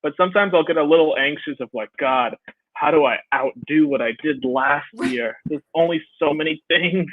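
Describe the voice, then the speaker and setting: Laughing often and telling stories with animation, a young Brooklyn man, from New York, guests on a casual video-call interview in a highish voice at normal speed. His audio is tinny and phone-like, dry and without echo.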